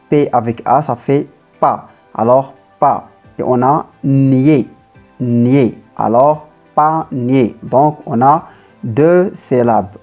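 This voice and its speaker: A primary school teacher giving a reading lesson to young pupils, talking slowly and repeating words, spelling out letters and syllables one by one. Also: medium pitch, dark tone. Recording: dull lo-fi sound with faint background music.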